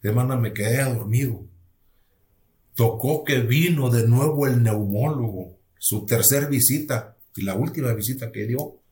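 A male pastor tells his personal testimony in an earnest, halting way, often restarting his sentences. His voice sits at an ordinary middle pitch for a man. The recording has a noticeable roomy echo. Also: warm tone. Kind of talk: personal testimony told to a listener.

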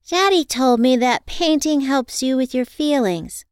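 A woman's voice: high-pitched, measured pace, clear, resonant tone, no room sound, studio quality, voice pushed up. A woman voicing a sweet, eager, affectionate young girl in an audio story. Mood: earnest.

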